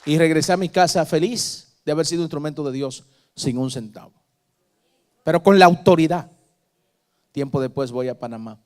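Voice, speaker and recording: A male preacher telling stories emphatically in a sermon, swinging between soft and loud. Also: a little high, normal speed, pauses often, clear, resonant tone, a faint crowd.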